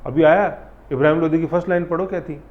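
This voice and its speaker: Lively male teacher, muffled audio. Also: a little high, fast. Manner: lively, rhetorical questions, acts out scenes. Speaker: history teacher. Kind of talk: classroom lecture.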